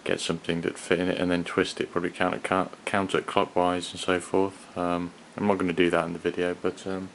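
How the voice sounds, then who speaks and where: A man giving an unscripted hands-on product review in a hesitant, halting, rambling manner. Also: low voice, completely flat delivery. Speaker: gas mask collector and reviewer. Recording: clearly audible background noise.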